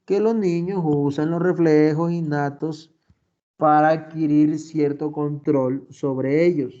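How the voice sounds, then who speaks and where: A man's voice: fairly high pitch, mellow, muffled recording. A man giving a university lecture over a call, explaining and questioning the class.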